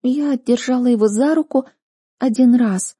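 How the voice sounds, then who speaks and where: A woman's voice: a little high, a little fast, dark tone, breathy edge, no room sound, studio quality, pitched above the performer's own voice. A woman voicing a tearful, heartbroken young woman who sniffles and whines nasally in an audiobook reading. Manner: sniffling, whiny nasal pleading.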